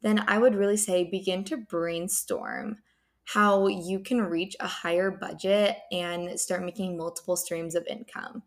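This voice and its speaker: A young woman speaks in a slightly low-pitched voice as a podcast host. She delivers a casual advice monologue. The sound bounces around an empty apartment, leaving an audible echo on her words. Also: fairly even intonation, a little slow. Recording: echoey empty apartment room.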